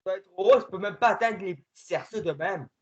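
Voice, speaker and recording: A man giving casual gaming commentary while playing with a friend, excitable and swinging between muttering and shouting. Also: sits high, fast, muffled recording.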